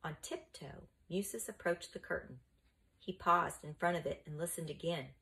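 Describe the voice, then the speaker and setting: A woman's voice: fairly low pitch, moderate pace, gravelly, sharp tone, poor audio. A woman teacher reading a children's book aloud and stopping to explain words to young listeners.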